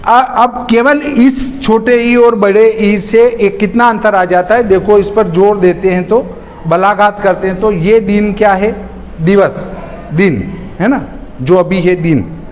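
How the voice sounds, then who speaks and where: Male teacher, high-pitched, very slow and deliberate, repeats key terms; recorded in an echoey hall. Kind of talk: slow classroom grammar lesson. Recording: hall reverb with faint noise.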